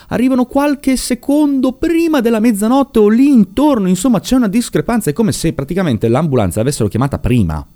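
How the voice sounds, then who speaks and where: A man narrating a true crime case as a monologue, emphatic and animated, checking in with the listener and repeating words for stress. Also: mid-range voice.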